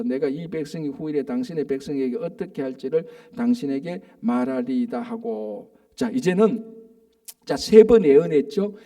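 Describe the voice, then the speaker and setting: A middle-aged man, a pastor, preaching a dawn service sermon in a church, emphatic and reading scripture verses slowly. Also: a little high, mellow, recorded from a distance. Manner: emphatic, asks the congregation for agreement; reads verses slowly and deliberately.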